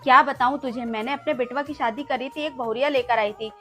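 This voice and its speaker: A woman's voice: high voice, steady tone, brisk, fairly bright tone, faint music behind. A woman playing a chatty, teasing mother-in-law with rustic speech in a comic family skit.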